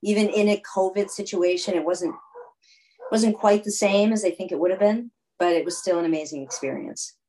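A woman in her thirties from California, a guest on a video call interview, talking in a relaxed, rambling way. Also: medium pitch, brisk, a little hiss or hum, low-quality recording. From California, United States. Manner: relaxed, rambling, with fillers and restarts. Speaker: guest, athlete. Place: home room.

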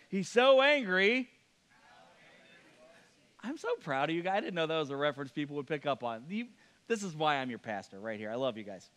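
Joking pastor with a smooth, high voice. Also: male voice, fairly bright tone. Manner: playful, joking asides to the congregation. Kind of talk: sermon. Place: church.

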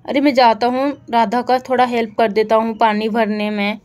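A woman's voice: flat delivery, normal speed, a little mellow, close to an everyday voice. A woman voicing a young village husband in a doll story, fussy at first and then eager to help. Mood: helpful. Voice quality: same high voice as narrator, barely lowered.

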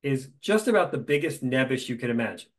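A middle-aged man, a guest in a conversation, telling stories in a lively way with dry humor. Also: mid-range voice, quick pace, poor audio.

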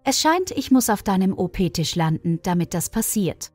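A woman's voice: medium pitch, big pitch swings, normal speed, a little mellow, no echo. Woman reading nagging wife, thirties, reproachful, dry sound, faint music. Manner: complaining, reproachful. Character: nagging, insistent young wife in her thirties.

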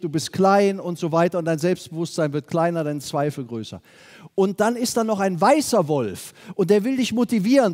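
Lively German seminar speaker in a hall. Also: male voice, on the high side. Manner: lively storytelling, rhetorical questions. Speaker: sales trainer. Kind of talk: seminar talk to a live audience.

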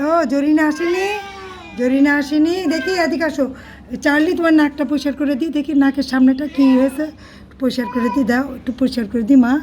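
Hoarse high-voiced woman cooing to cats. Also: background noise. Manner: coaxing, repetitive baby talk. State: hoarse, voice partly lost. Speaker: cat caretaker vlogger.

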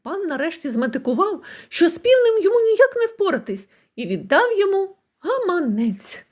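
A woman storyteller narrates a folk fairy tale with an expressive, animated reading. Her voice is high and swings widely in pitch, and the lines are clearly scripted. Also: moderate pace.

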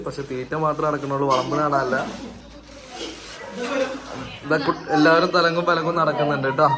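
A man's voice: fairly high pitch, heavy background noise. A man giving casual running commentary for a family vlog, chatty and joking, speaking straight to his viewers. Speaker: family vlogger.

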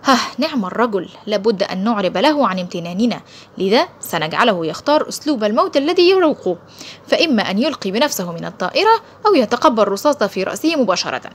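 A woman voicing a hot-tempered, ruthless male colonel who speaks in a sharp, gloating, menacing manner in an audiobook. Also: medium pitch, big pitch swings, fast, a little hiss or hum, natural voice. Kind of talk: audiobook character voice.

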